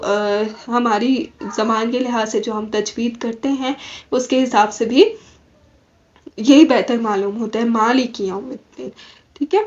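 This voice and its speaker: A woman teaching a Quran commentary class, explaining slowly and asking questions that she then answers herself. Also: high-pitched, a little mellow, highs cut off. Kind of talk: recorded religious lesson.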